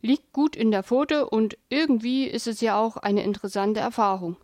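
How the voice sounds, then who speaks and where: A woman's voice: fairly high pitch, moderate pace, darkish tone, dry recording, close to an everyday voice. A woman voicing a grumpy, sarcastic male hamster who whines and panics while clinging to a branch. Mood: anxious.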